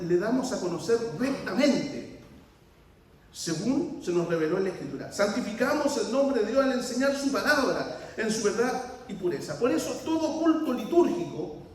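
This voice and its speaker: A man's voice: very high-pitched, a little mellow. A man preaching a sermon, emphatic and repeating key words, asking rhetorical questions. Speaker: guest pastor. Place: church. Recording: roomy church hall, distant mic.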